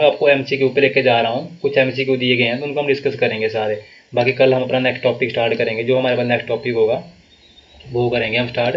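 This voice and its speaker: Brief: a man, Himachali Hindi accent, mid-pitched, live online grammar teacher, slow repetitive explaining, slightly dull lo-fi stream audio. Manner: explains slowly, repeats words, many fillers. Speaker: grammar teacher for exam prep. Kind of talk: live online class lecture.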